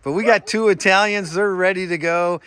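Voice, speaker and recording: A man's voice: sits high, fairly even intonation, a little fast, a crowd in the background. A man hosting an outdoor vlog from behind the camera, hyping things up like a showman and addressing viewers as folks. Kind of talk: excited outdoor vlog commentary. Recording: noisy outdoor camera audio, wind and ambience.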